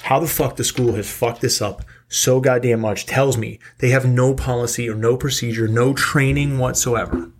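A man's voice: medium pitch, steady tone, moderate pace, hardly any pauses. A middle-aged man hosting his own podcast, ranting angrily and profanely while stoned and worn out. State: stoned, weary. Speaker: podcast host. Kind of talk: casual ranting monologue.

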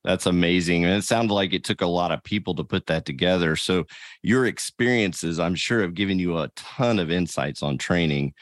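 A man with a deep voice hosts a podcast interview, introducing his guest and reading ad copy in a casual, upbeat way at normal speed. The audio is studio quality, with no room sound.

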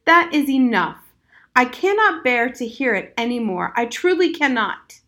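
A woman's voice: high voice, big pitch swings, unhurried, a bit bright, exaggerated voice. Woman doing an earnest pleading man. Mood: pained.

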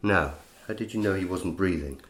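Brief: male actor as a solicitor, low voice, patient but insistent, firm questioning. Stage drama. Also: normal speed, fairly bright tone. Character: calm, probing middle-aged male solicitor.

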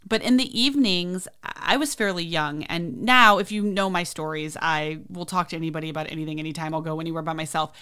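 A woman hosting a podcast, telling a personal story in a chatty, animated way and acting out the voices of people she quotes. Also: low-pitched, brisk, few pauses, clean tone. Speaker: podcast host. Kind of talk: casual storytelling.

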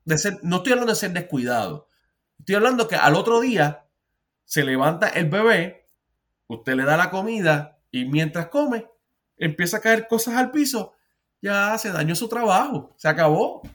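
A man's voice: sits high, lively intonation, normal speed, a bit bright. A Puerto Rican therapist, a man who talks earnestly in a casual podcast chat, often restarting and repeating words. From Puerto Rico.

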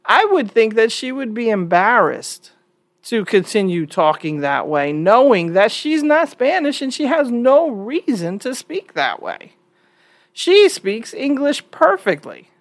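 This woman, an online commentator from New York, United States, talks a little slowly in a high-leaning, sing-song voice with an American accent. Her casual opinion pieces are emphatic and conversational, often posing questions, and there is no echo.

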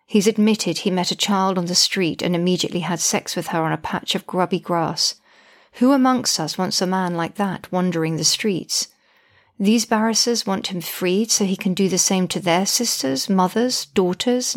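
A woman narrating her own diary-style account as a mother, indignant, wry and exasperated. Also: lowish voice.

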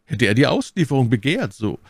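A man's voice: medium pitch, sing-song, fairly quick, gravelly, breathy edge, dry recording, studio quality, voice pushed up, full character voice. A man reading an audiobook and voicing a proud young musketeer with a fluty, dandyish voice. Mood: defiant.

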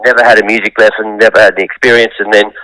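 Man, musician guest, low forceful voice, thoughtful with ums, dry close recording. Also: level tone, racing, no echo, poor audio. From Australia. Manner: open, thoughtful, many ums. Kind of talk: interview storytelling.

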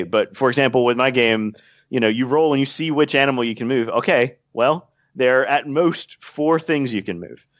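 A man with a medium-pitched voice talks at length about game design as a guest on a podcast, thoughtful and sprinkled with small fillers in a casual chat. The recording is dry and dull, typical podcast audio.

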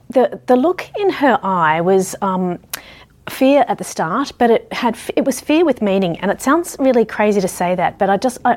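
A woman from Australia with an Australian accent, teaching through conversational storytelling in a halting, reflective way. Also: mid-range voice. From Ballarat, Australia. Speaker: dog grooming educator.

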